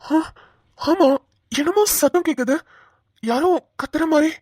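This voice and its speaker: A woman voicing a kind young man in a cartoon who calms and reassures others. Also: high-pitched, measured pace, dry recording, clean studio sound. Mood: reassuring. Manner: soothing, reassuring. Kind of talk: cartoon voice acting.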